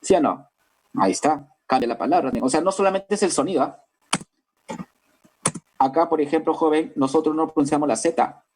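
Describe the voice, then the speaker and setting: A man from Peru with a Lima accent teaches a language class, explaining things step by step and often asking whether his listeners are following. His voice is on the high side and darkish, with a breathy edge, and he talks at a moderate pace with long pauses. The recording is rough.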